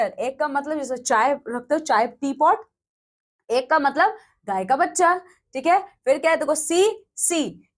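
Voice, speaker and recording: High-voiced woman teaching English vocabulary. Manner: mixes Hindi with English, reads word lists aloud, slows down for English sentences. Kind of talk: classroom lesson explaining vocabulary.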